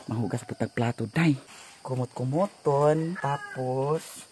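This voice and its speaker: A vlogger with a Cebuano accent chatting casually and jokingly while doing laundry, a little hoarse. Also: medium pitch, slow, heavy background noise. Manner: joking, teasing, breaks into song.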